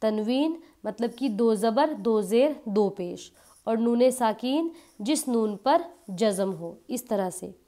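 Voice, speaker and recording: A woman teaching Quran recitation, explaining patiently and drawing out example words slowly. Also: a little high, expressive, mellow.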